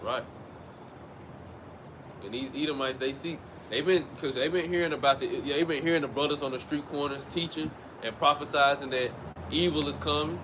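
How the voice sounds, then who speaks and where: A man with a somewhat high voice teaches outdoors beside a street at a moderate pace, speaking loosely and conversationally and often restarting his phrases. He is a street preacher, and passing vehicles fill the recording with traffic noise.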